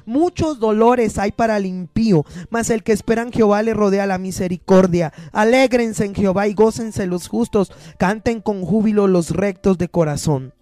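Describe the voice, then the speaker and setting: A pastor preaching a fervent sermon, repeating phrases and rising into a sing-song lilt. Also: male voice, high-pitched, normal speed, hardly any pauses, dark tone, no room sound.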